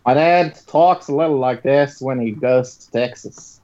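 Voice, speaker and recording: A woman's voice: extremely low pitch, dark tone, muffled recording. A Norwegian-born woman whose first language is Norwegian, hosting a casual guessing game with friends and laughing easily. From Norway. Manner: laughs easily, unhurried and chatty. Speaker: quiz host reading accent clues.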